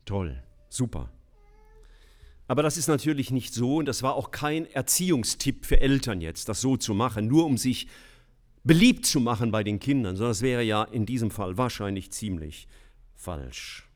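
A middle-aged man preaching a sermon in a lively, emphatic way, with humorous asides. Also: medium pitch, moderate pace.

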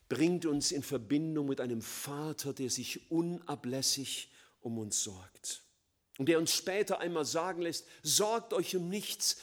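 Male preacher, slightly high-pitched, dramatic sermon delivery with big swings in volume. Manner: dramatic swings between loud emphasis and soft low passages.

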